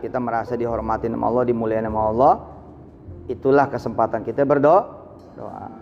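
A man preaching a live sermon, telling stories with sudden swings from low asides to high exclamations. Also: a little mellow, big-room sound, lo-fi sound. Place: large hall, live event.

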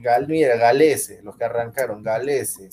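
A man's voice: mid-range voice, measured pace, a little mellow. A man on a sports chat show, rattling off football lineups in casual talk.

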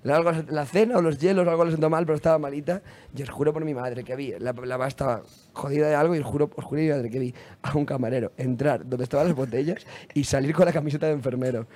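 A young man with a Spain Spanish accent talks quickly and emphatically in a casual chat and swears for emphasis. His voice sits slightly high. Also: mellow.

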